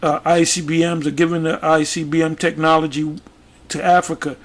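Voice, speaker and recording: A man giving casual commentary as he reads out a news web page, speaking haltingly with many fillers and restarts. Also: a little high, level tone. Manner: halting, many fillers and restarts, talks through what is on screen. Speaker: religious video commentator.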